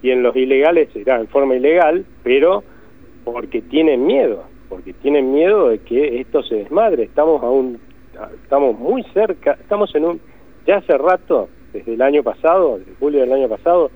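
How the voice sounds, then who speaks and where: A man's voice: mid-range voice, expressive, moderate pace. An Argentine man being interviewed as an economist, explaining emphatically and often rephrasing himself. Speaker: economist guest. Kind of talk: interview answers. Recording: tinny phone line.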